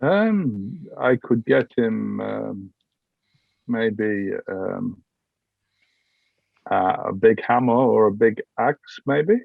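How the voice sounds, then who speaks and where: A disillusioned, hesitant soldier, acted by a man in a tabletop role-play. He speaks slowly and gropes for words. The voice is heavily creaky and raspy, in dull dry audio. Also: fairly low pitch, expressive, dry recording, heavily acted. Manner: halting, groping for words. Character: weary, hesitant, disillusioned male Bretonnian soldier. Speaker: game master.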